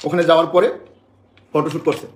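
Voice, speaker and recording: Rapid, agitated man repeating himself. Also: on the high side, little pitch movement, reverberant. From Bangladesh. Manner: agitated, repeats phrases over and over. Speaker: man making public allegations to the press. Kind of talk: emotional spoken statement.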